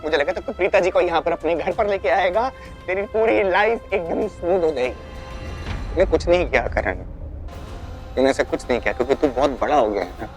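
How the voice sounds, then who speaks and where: An actor playing a loving but deeply hurt elder brother who scolds his sibling, pleading one moment and shouting the next. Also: fairly quick, soft background music, close to an everyday voice. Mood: wounded scolding.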